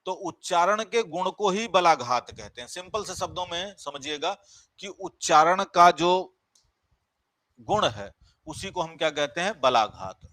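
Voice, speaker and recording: A man teaches a grammar lesson in a bright, forceful voice that sits a little high for a man. He keeps throwing questions at the class and slows right down to stretch out the words that matter. The recording is dry and close. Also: animated, no echo. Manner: explains by repeating and asking the class questions. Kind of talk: live online grammar class.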